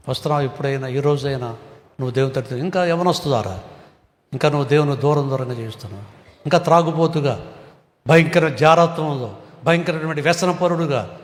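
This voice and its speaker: A man preaching a sermon, swinging from loud rises to soft drops. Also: on the high side. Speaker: pastor. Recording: long hall reverb.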